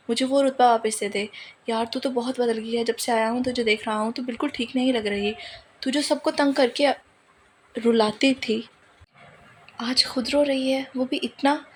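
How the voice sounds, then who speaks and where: Woman voicing a young man, caring friend, pleading, informal, fairly flat delivery. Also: very high-pitched, moderate pace, slight background noise.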